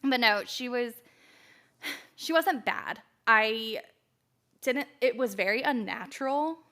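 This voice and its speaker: A woman's voice: on the high side, slow pace, bright, forceful tone. A young woman co-hosting a podcast, chatting casually with lots of fillers and acted-out quotes. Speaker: podcast co-host. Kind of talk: casual chat recap.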